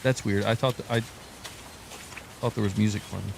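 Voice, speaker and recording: A man's voice: lowish voice, fairly even intonation, moderate pace, gravelly, background noise. A man giving casual, bantering, sweary commentary while he streams a video game. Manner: informal, bantering, swears freely. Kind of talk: casual chat, gameplay commentary.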